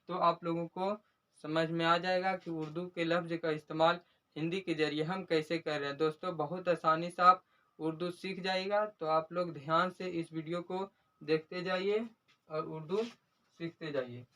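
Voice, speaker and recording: A man teaching a lesson in a slow, repetitive way, often calling the viewers his friends as he walks them through each letter. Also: high-pitched, fairly bright tone, poor audio. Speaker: language teacher. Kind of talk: unscripted lesson walkthrough.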